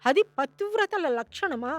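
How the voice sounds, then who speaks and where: An actress playing a wronged, defiant wife in an old-time radio drama, speaking bitterly and cuttingly. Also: female voice, very high voice, animated, a little slow, soft background music.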